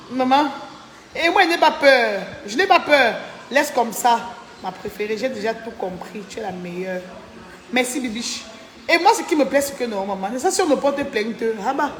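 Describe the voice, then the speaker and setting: In a roomy, large-hall sound with slight background noise, a tired woman chats on a live stream at normal speed. Her slightly high voice is expressive as she thanks viewers by name and vents indignantly about a falling-out.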